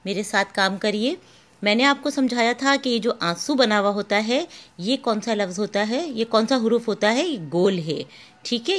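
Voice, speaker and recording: Slow, patient woman teacher. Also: medium pitch, a bit bright. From Pakistan. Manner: calls students "beta", spells letters aloud one by one. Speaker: school teacher. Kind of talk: slow, patient classroom instruction.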